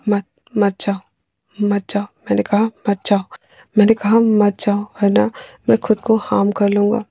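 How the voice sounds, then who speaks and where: A woman's voice: mid-range voice, completely flat delivery, a little slow, creaky, warm tone, husky, dry recording, dull audio. A woman doing a frantic, unhinged obsessive young man. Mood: pleading. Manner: frantic, stammering, repeating words.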